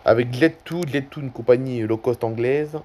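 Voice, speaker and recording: Clicking through a live flight-tracking map, a YouTuber with a warm, mid-range voice gives casual screen-recording commentary at a normal speed. He's hesitant and rambling, often correcting himself.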